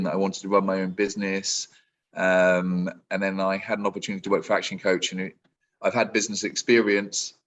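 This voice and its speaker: A fortysomething business coach with a voice on the low side fields interview questions on a video call. He's easygoing and wandering, frequently starting his sentences over.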